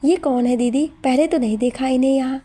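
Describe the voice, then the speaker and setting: A woman voicing a calm, quiet young teacher in a story, speaking softly and politely. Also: high-pitched, fairly quick, husky. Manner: soft-spoken, polite.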